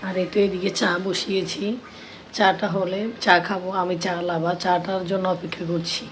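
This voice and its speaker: A young woman with a cold-roughened, hoarse voice, casually talking viewers through her breakfast cooking in her home kitchen. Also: fairly low pitch, little pitch movement, moderate pace, faint music behind, rough recording. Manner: chatty, shows each step. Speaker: vlogger.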